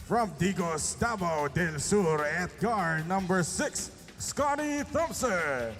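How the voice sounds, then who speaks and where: A man works as an echoing stadium announcer, introducing lineups in a booming voice and drawing out player names. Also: animated, slow pace, fairly bright tone. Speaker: arena announcer. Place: large indoor arena over PA. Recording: long arena reverb, music behind.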